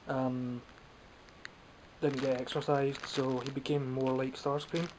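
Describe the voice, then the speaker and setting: A young Scottish man, a toy collector vlogger, talks from behind the camera into its built-in mic, chatting casually and wryly about his toy haul. His medium-pitched voice is level and a little mellow, and he takes it slowly, sounding a bit phlegmy and coughing now and then. His manner is rambling and self-mocking, and the rough recording carries slight background noise.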